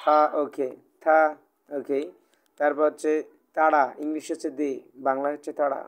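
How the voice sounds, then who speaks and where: A man with a Bangladeshi Bengali accent leads a live online Chinese lesson, speaking in a somewhat raised voice. He is patient and explains things twice, rephrasing as he goes and filling pauses with "ah". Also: on the high side, level tone. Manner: patient, repeats and rephrases, many "ah" fillers. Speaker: Chinese language teacher. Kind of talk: live online language class, oral exam.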